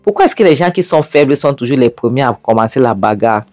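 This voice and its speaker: A woman's voice: a bass voice, animated, fast talker, a little mellow, slight background noise. A woman retelling a film scene by scene with emphatic, indignant commentary.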